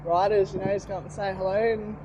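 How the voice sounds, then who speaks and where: An Australian woman in her forties talks in a laid-back, slangy way, laughing easily between stories. She sits outdoors, and loud traffic and engine noise run behind her voice throughout. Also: mid-range voice, flat delivery, fast, dull audio. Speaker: podcast guest, motorcycle rider. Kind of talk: casual chat.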